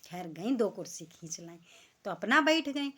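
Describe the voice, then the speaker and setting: A woman's voice: mid-range voice, normal speed, slightly rough. Chatty middle-aged woman telling a story. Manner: chatty, expressive, homely storytelling. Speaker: vlogger. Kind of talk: casual storytelling.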